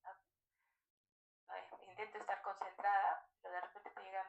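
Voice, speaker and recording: A woman's voice: medium pitch, little pitch movement, measured pace, gravelly, muffled recording. A woman, a student sharing a thoughtful, hesitant comment in class. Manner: thoughtful, hesitant, searching for words.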